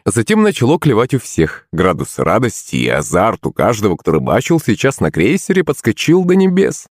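A man narrating an audiobook in an expressive, conversational manner. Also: on the low side, normal speed, dry recording, clean studio sound.

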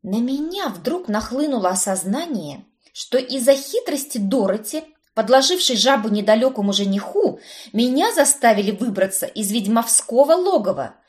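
A woman reading a first-person audiobook in a lively, expressive way. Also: a little high, moderate pace. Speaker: audiobook narrator.

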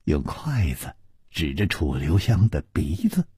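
一位男评书演员，讲述长篇故事，富于表现力。. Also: male voice, extremely low pitch, slightly rough, no room sound, clean studio sound. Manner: expressive, unhurried narration. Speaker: storyteller. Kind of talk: audiobook storytelling.

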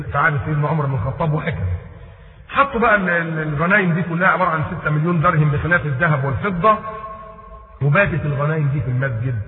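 A man with an Egyptian Arabic accent delivering a religious lecture, telling a story and quoting classical Arabic before explaining it in colloquial speech. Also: on the high side. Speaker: preacher. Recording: echoey hall on a tinny phone-like line.

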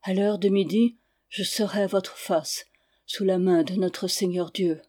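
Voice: medium pitch, steady tone, unhurried, darkish tone, natural voice. A reader voicing a dying old duke, gasping. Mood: pleading. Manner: short, gasping phrases. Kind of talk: audiobook reading.

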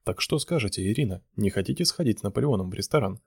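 Smug male gallery owner, read by a man, teasing, low, husky. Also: lively intonation, fast, dry recording, clean studio sound, full character voice. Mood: flirtatious. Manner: smooth, teasing flirtation.

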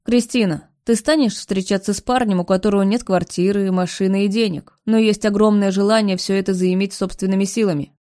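A woman's voice: mid-range voice, steady tone, a little fast, few pauses, warm tone, lightly acted. A woman voicing a stubborn, cocky rich young man who talks bluntly and teases. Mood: earnest. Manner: blunt and teasing.

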